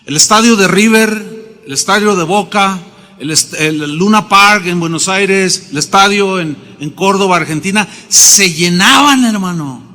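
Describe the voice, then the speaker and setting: A middle-aged pastor preaching in a large hall, his high, bright voice ringing with a long reverb. He tells stories with emphasis and acts out the quotes in his own voice. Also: measured pace. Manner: emphatic, storytelling with acted quotes. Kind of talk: sermon.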